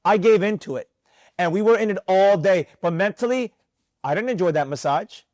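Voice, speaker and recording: High-voiced trading instructor, animated. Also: male voice, fairly quick, dry recording. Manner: animated, questioning the room. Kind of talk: live classroom teaching.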